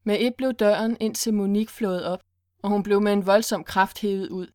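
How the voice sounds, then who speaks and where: A woman reads a suspense story in a steady, even voice, at a mid pitch. The recording is dry and close, with no room sound. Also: no room sound. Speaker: narrator. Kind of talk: audiobook narration.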